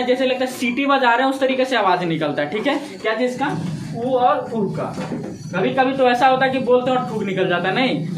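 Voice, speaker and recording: Echoey male teacher quizzing himself. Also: very high-pitched. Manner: asks questions and answers them himself, repetitive. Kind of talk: classroom-style Hindi grammar lesson. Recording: echoey room with faint ambient noise.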